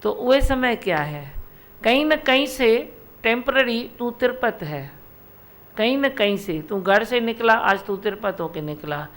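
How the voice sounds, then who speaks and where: A woman's voice: fairly high pitch, expressive, measured pace, fairly bright tone. A woman spiritual teacher giving a devotional satsang discourse, exhorting her listeners directly and repeating her points. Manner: repetitive exhorting, direct address. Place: satsang hall.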